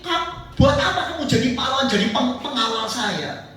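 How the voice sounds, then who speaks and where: A man's voice: extremely high pitch, expressive, moderate pace, fairly bright tone, a little hiss or hum, voice pushed up. A man preacher voicing an angry, suspicious king who scolds his men, heard in an echoey church from a distance. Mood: scolding. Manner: scolding, indignant questions. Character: angry paranoid male king, accusing.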